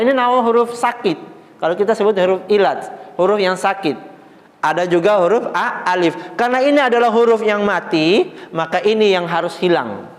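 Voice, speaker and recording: A man's voice: high-pitched, long reverb tail. A man teaching an Islamic study class on Arabic grammar, patient and reassuring, with light joking asides as he explains step by step while writing on a board.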